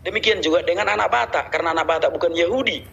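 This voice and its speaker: A man's voice: sits high, rapid-fire, vocal fry, a bit bright, dull audio. A man from Batak country arguing a religious point in a debate, reading scripture aloud in an earnest, pleading way. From Batak, Indonesia.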